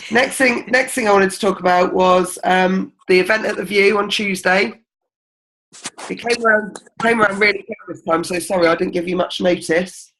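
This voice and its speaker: A woman's voice: medium pitch, normal speed, fairly bright tone, rough recording. A woman leading a team meeting, talking casually and encouragingly with plenty of ums. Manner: chatty and encouraging, with many ums. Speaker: team leader. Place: indoor group meeting.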